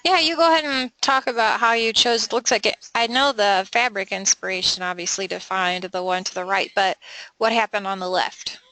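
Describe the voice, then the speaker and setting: A woman's voice: medium pitch, a little fast, pushed and bright, no room sound, rough recording. A woman teaching an online class in a casual, conversational way.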